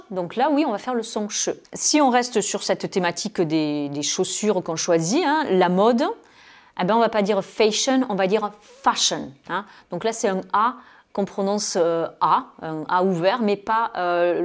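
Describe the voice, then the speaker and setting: A woman from France teaches English pronunciation in a video lesson. She speaks at a middle pitch and explains each point patiently, often dropping in "euh" and a tag "hein".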